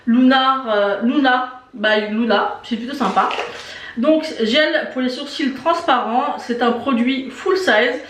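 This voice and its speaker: Brief: enthusiastic female beauty vlogger, slightly high voice, echoey room, chatty unboxing tone. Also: slow, fairly bright tone, far from the mic, slight background noise. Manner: chatty, enthusiastic, many fillers and repeated "très très". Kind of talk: casual unboxing review. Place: indoor room with shelves of lipsticks behind.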